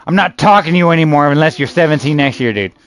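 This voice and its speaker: With faint music playing behind him, this man speaks fast in a fairly bright, higher-pitched voice. He's a gaming streamer in his early thirties, teasing his gaming buddies casually, calling them "dude" and "bro" and swearing now and then.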